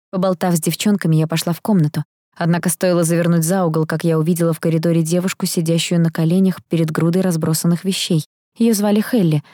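Woman, audiobook narrator, first person, calm and even, warm dark tone, dry close sound. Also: on the low side, no echo.

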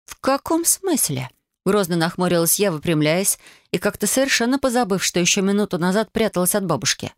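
A woman narrating a first-person fantasy audiobook in a lively, wry way, voicing the dialogue. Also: fairly low pitch, fast talker, dry recording, studio quality. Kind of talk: audiobook fiction reading.

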